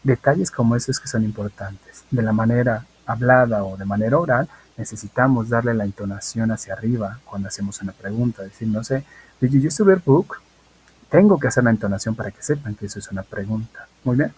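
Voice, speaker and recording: A man, an online high school tutor recording a video lesson, patiently drilling English example questions. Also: fast talker, hardly any pauses, darkish tone, a little hiss or hum, rough recording.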